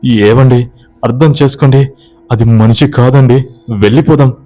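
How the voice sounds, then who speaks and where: A man's voice: lowish voice, fairly even intonation, normal speed, mellow, lightly acted. A man voicing a frightened young village wife, pleading and panicked in a horror story.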